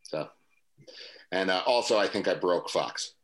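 A man's voice: low voice, unhurried. A man co-hosting a sports podcast, rambling through his thoughts with lots of fillers. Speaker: podcast co-host. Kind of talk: casual sports chat.

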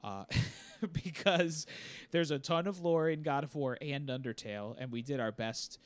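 A man's voice: fairly high pitch, fairly even intonation, normal speed. A young adult man co-hosting a casual gaming podcast, talking in a rambling, self-deprecating, jokey way. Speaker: podcast co-host.

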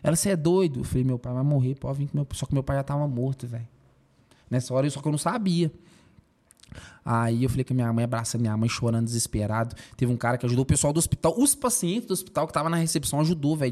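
A young podcast guest tells a personal story with emotion and animation, firing off his words rapidly and packing them with slang fillers. His voice is medium in pitch.

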